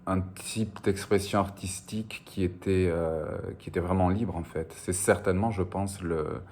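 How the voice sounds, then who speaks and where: This novelist, a native Spanish speaker from the French Basque Country right on the border, answers interview questions about his writing. His voice is low and darkish with fairly even intonation at a moderate pace, and he sounds hesitant and reflective, filling pauses and repeating words. A little background noise is audible.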